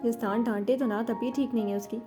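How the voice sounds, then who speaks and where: A woman's voice: fairly high pitch, steady tone, music in the background, close to an everyday voice. A woman voicing a sweet, cheerful young wife in a spoken novel, affectionate and coaxing.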